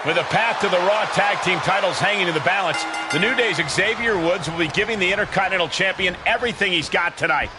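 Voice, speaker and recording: High-pitched, excitable man as a wrestling commentator. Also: fast talker, few pauses, natural voice. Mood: excited, urgent. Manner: emphatic, shouted calls of moves. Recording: loud arena crowd and impact noise.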